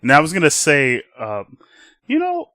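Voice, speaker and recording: A man's voice: a little high, huge pitch swings, normal speed, bright, forceful tone, no echo. A young man co-hosting a podcast, casually rambling through an episode recap and acting out characters' lines in playful voices. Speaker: podcast co-host.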